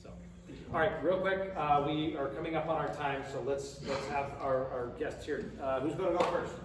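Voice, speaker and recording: At a convention Q&A in a large, echoing room packed with an audience, a middle-aged voice actor from Colorado fields questions as a panel guest. His voice runs fairly high with fairly even intonation and an ordinary pace, casual but emphatic. The mic is distant and the hall loud.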